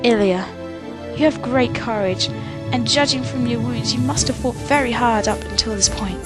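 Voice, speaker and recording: A woman's voice: fairly high pitch, normal speed, close to an everyday voice. A woman playing a gracious, resolute young princess in an amateur fantasy radio play, speaking formally and earnestly. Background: loud music.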